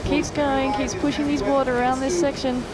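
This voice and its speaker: Female sports commentator, high voice, running wave-by-wave surf call, outdoor event, roaring crowd noise. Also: little pitch movement, normal speed. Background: loud crowd.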